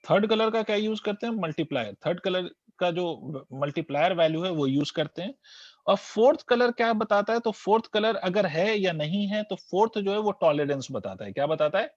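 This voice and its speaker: A man's voice: sits high, expressive, brisk, no echo. A man teaches a physics class in a slightly raised voice, switching between Hindi and English. He keeps quizzing his students and repeating the key terms. The recording is dull and lo-fi, with a dry, close sound.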